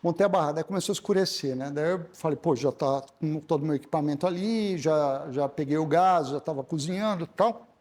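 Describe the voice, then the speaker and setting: A Brazilian man giving a corporate talk, telling a travel story in a halting way with many fillers and restarts. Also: on the high side, darkish tone. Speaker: corporate speaker. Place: stage at a corporate event.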